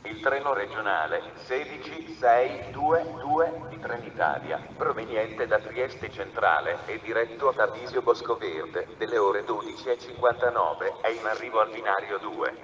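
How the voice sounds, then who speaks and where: A man's voice: lowish voice, bright, forceful tone, far from the mic, highs cut off. Echoey male train station announcement. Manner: formal, segmented stock phrases. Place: railway station platform. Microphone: distant recorder picking up loudspeakers. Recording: echoey station PA from afar, clear ambient noise.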